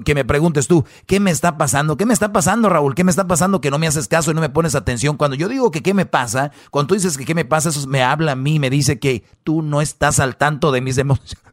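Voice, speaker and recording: A man's voice: a little high, fairly quick, no room sound, clean studio sound, lightly acted. A man voicing a furious, hysterical wife with a Mexican accent, shrilly hurling insults at her husband. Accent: Mexican Spanish.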